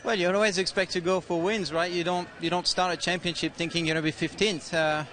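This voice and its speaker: A man's voice: sits high, little pitch movement, quick pace, sharp tone, a little hiss or hum. A male race car driver answering pre-race questions in a hesitant way, full of fillers and restarts. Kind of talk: casual pre-race interview. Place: outdoors on a race grid.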